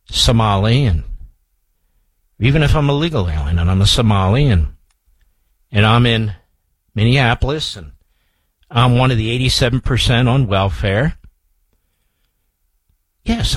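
The host here is an older American man on a political talk radio show, emphatic and combative, who repeats phrases to drive his point home. His medium-pitched voice has a breathy edge, recorded in a radio studio on a close microphone with no room sound.

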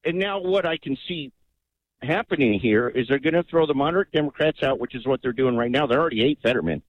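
A man calling in to a radio show, talking in an agitated, rambling, halting way. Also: mid-range voice, expressive, no room sound. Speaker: caller. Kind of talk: call-in radio. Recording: dull phone-line audio.

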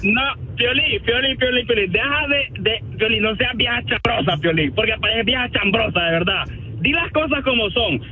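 A man's voice: very high voice, moderate pace, husky. A man from Honduras calling into a radio show, defiant and insulting. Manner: defiant, repeatedly calls people idiots. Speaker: caller. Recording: tinny phone line.

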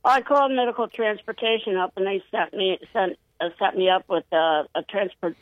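A caller on a radio show, heard over the phone, who talks in a halting way and often repeats and restarts words. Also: mid-range voice, dry recording. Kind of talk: call-in radio chat. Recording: tinny phone line, dry.

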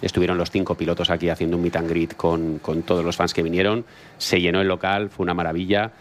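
A man's voice: sits low, level tone, fast talker, a little hiss or hum. A man who is a marketing director, answering interview questions in an upbeat, promotional way.

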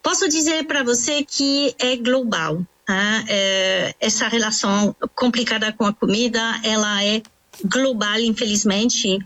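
Woman, nutritionist, earnest explainer, slightly high voice. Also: unhurried, a bit bright. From France. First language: French. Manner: earnest, explanatory, with many fillers and restarts. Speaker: nutritionist, author. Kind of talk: interview answer.

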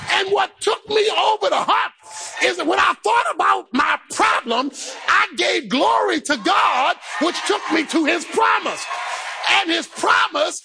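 Extremely high-pitched and creaky, yet bright and forceful, the pastor shouts his sermon in a rising, half-sung chant. He calls out each phrase and plays the parts of those he describes, including the believer speaking inwardly.

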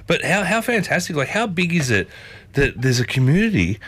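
A man's voice: fairly high pitch, big pitch swings, brisk, a bit bright, husky. A middle-aged man hosting a casual radio interview, chatty and enthusiastic. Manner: chatty, enthusiastic, calls people mate. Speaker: radio host.

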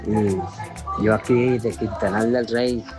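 A man from Colombia calling in to a radio show to give slow, repetitive blessings. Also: on the low side, fairly even intonation, over music. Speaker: radio caller. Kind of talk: prayerful blessing over the radio.

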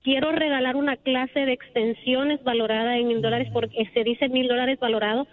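A woman's voice: sits high, fairly even intonation, normal speed. A woman from El Salvador, a salon owner calling in to a radio show and talking earnestly and at length about her life. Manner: earnest, talkative, emotional storytelling. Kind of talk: casual phone-in chat. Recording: tinny phone line.

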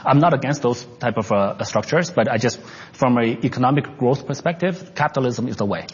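Speaking off the cuff in an interview, this investor and entrepreneur, born in China and raised in Canada, stumbles through restarts and filler words. His medium-pitched voice is animated and a bit rough, captured with lo-fi sound in a large hall.

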